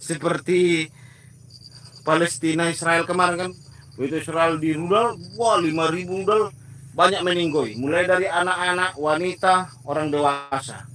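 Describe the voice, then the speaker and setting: Speaking at a normal speed with fairly even intonation, a man with a slightly high, somewhat bright voice delivers emphatic preaching commentary as an evangelist. He frequently turns to his listeners as brothers and plays out mocking exchanges, with a little hiss or hum on the recording.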